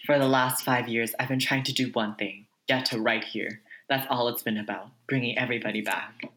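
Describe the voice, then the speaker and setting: A woman's voice: very deep voice, fairly even intonation, a little fast, a bit bright, low-quality recording. A woman playing a resolute, self-sacrificing female spy, teasing yet tender, in an amateur script read-through. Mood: tender, insistent.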